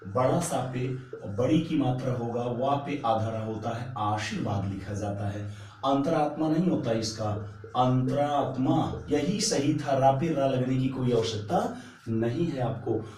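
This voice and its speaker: A male teacher drills exam spellings, repeating each word and asking and then answering his own questions. His voice is dark and mellow. It echoes heavily around the room from a mic set some way off. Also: medium pitch, far from the mic, slight background noise. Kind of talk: exam-prep spelling lesson.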